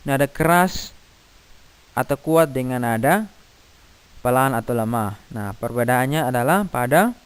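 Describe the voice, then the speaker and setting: A middle-aged man, patiently explaining a physics lesson to children, pausing and singing note names to demonstrate. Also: on the high side, clear, resonant tone. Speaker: teacher.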